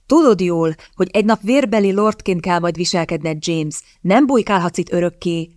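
A man's voice: high-pitched, a little mellow, no echo, clean studio sound, natural voice. The narrator voicing a jovial, teasing male army captain who banters with a grin. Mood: earnest. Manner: mocking, playful, grinning banter.

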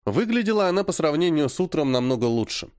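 A man's voice: on the high side, sing-song, fast, a little mellow, no echo. A man reading a first-person audiobook in a dry, matter-of-fact manner. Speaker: audiobook narrator.

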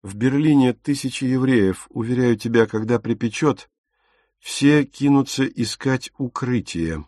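A man voicing an earnest young soldier who speaks in a soft, steady, protective way in an audiobook. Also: medium pitch, measured pace, no echo, studio quality, close to an everyday voice. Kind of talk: audiobook character reading.

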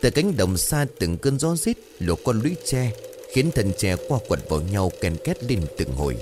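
Low, lively male horror-story narrator. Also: moderate pace, background noise. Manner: dramatic, expressive reading.

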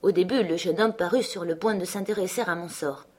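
A woman reading a novel aloud as an audiobook narrator, in measured, steady narration. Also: fairly low pitch.

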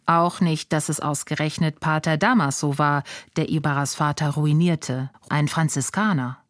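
A woman presenting a radio feature in calm, explanatory scripted narration. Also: sits low, no echo, studio quality.

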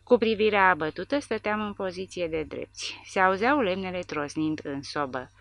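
Low-pitched woman reading an audiobook, steady and measured, dry close sound. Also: creaky, no echo. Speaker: audiobook narrator. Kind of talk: audiobook reading of a war novel.

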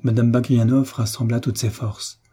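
Husky, dark-toned male narrator. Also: mid-range voice, level tone, normal speed. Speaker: audiobook narrator. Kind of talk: scripted narration.

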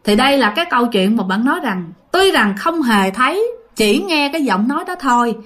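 A woman with a Southern Vietnamese accent telling a ghost story in a chatty, animated way, often addressing her listeners directly. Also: fairly high pitch, brisk. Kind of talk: casual storytelling.

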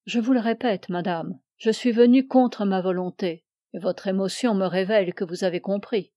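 Woman narrator voicing a grave older gentleman, measured, dry close sound. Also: medium pitch, dry recording, lightly acted. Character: calm stern older man, grey-bearded moralist.

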